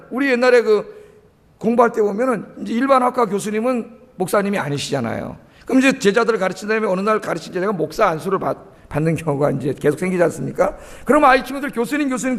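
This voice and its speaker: Middle-aged male pastor, high voice, emphatic sermon, keeps asking the crowd questions, big church echo. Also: gravelly, a bit bright. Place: church sanctuary. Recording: long reverb of a church hall.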